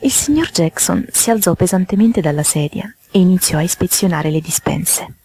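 A woman reading a children's fairy tale aloud in a soft, half-whispered way. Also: on the low side, normal speed, husky, dry recording. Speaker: storyteller.

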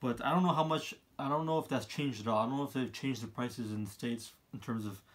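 A man, giving his opinions in a casual monologue, halting and often repeating himself as he rambles. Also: mid-range voice. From Canada. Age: 20s. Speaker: vlogger, college student. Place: small room indoors, seated by a wall.

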